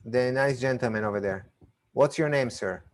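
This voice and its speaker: At a moderate pace and medium pitch, a playful magician and mentalist with an Argentine-Israeli accent runs a mentalism act over a video call. He chats with volunteers during the live online show, his speech marked by stammering restarts.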